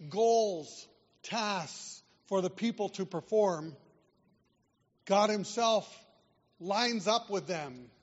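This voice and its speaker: A man preaching a sermon, pushing hard on key words and then dropping to a near hush. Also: sits high. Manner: emphatic preaching with wide swings in loudness. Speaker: pastor. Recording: dull lo-fi sound in a reverberant hall.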